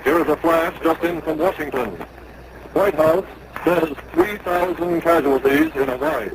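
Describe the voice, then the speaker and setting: A man reading a brisk news flash in the manner of a 1940s radio newsreel broadcast. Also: a little high, big pitch swings, vocal fry. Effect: old 1940s newsreel radio broadcast. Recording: noisy distant archival radio recording.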